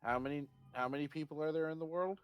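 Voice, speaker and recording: A man trading casual, teasing banter with friends on a live game stream, quick to poke fun at himself. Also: a little high, muffled recording, a little hiss or hum. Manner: teasing, self-deprecating banter.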